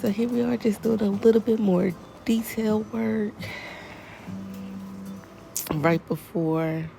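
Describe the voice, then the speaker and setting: A woman with a Southern American accent, congested from allergies, talking viewers through her waxing work in a relaxed, folksy voice-over. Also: medium pitch, takes it slowly, vocal fry, soft background music. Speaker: esthetician. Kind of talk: tutorial voice-over.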